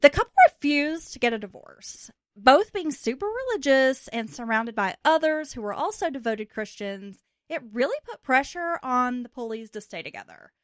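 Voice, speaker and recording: A woman's voice: sits high, expressive, moderate pace, few pauses, no echo, studio quality. A woman co-hosting a casual true crime podcast, talking in a brassy, joking way. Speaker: podcast co-host.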